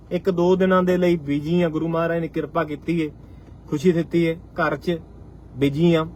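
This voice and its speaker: A man in his forties with a Punjabi accent addresses his followers on a live stream. His voice sits noticeably high, and he talks with fiery conviction. He keeps returning to the same lines to drive each point home. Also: slight background noise. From Punjab, India. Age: 40s. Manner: fiery, rhetorical, repeats phrases for emphasis. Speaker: farmers' union state leader.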